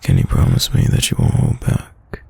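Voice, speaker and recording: A man playing a tender, protective, gently dominant boyfriend in a whispered role-play, murmuring intimately and soothingly in a breathy, gravelly low voice. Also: moderate pace, dry recording, natural voice. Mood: affectionate, gently dominant.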